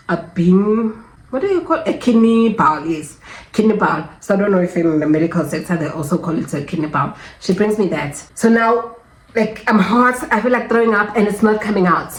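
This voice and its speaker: A young South African woman with a South African accent, telling a personal story in a casual vlog and acting out other people's lines. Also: fairly low pitch. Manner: animated, switches between English and Zulu, acts out voices of nurses. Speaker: vlogger. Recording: echoey room with faint background hum.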